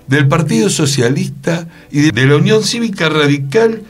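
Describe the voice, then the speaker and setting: A man with an Argentine Rioplatense accent, an actor co-hosting a radio talk, recounts theatre history in a chatty way full of rhetorical questions. His voice is on the high side and expressive, at a moderate pace.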